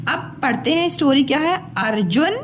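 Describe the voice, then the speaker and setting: A woman's voice: high-pitched, lively intonation, normal speed, a little hiss or hum. A woman teaching young children, spelling out sounds syllable by syllable and repeating each word patiently. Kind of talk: slow spelled-out children's lesson.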